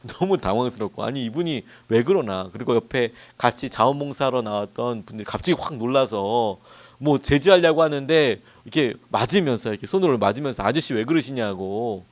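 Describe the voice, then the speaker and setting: A man's voice: mid-range voice, lively intonation, a little fast. A man preaching a dawn-service sermon as a pastor, telling stories in a conversational way. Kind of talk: sermon at a dawn prayer meeting.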